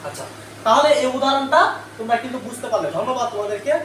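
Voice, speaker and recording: Very high-pitched, very fast, and fairly bright in tone, a male teacher leads an online grammar class live, asking the same questions over and over and answering them himself. He's heard from a distance in an echoing room with faint noise.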